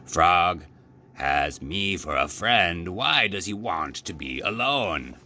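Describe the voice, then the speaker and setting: A man's voice: sits low, animated, slow pace, sharp tone, heavily acted. A man voicing an anxious, devoted toad from a children's storybook in an earnest, plaintive way. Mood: earnest, worried.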